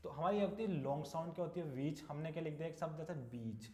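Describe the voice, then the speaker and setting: A man's voice: on the high side, animated, fast, mellow. A male teacher giving an English lesson, asking questions and repeating the answers. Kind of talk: classroom English lesson in Hindi. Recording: echoey room.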